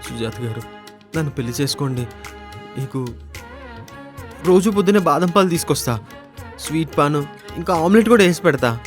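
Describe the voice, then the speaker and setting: An actor playing a shy, earnest young man in love, speaking softly and pleading. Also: fairly high pitch, fast, music in the background, lightly acted. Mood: tearful. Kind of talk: romantic comedy web series acting.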